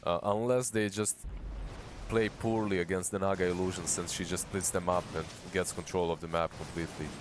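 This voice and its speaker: A man's voice: deep voice, flat delivery, fairly quick, over music. A man giving casual esports game commentary as one of the casters.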